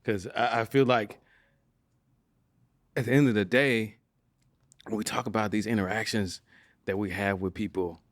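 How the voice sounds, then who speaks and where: A man hosting a podcast, earnest and reflective, quick to laugh with his guest. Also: fairly low pitch, steady tone, dry recording, studio quality. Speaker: podcast host. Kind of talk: reflective interview chat.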